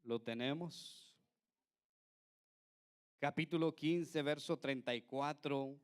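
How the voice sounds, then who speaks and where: A man preaching a sermon earnestly, turning to the listener with frequent asides and swinging between loud exclamations and quiet passages. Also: on the high side, slow pace, clear, resonant tone. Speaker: pastor.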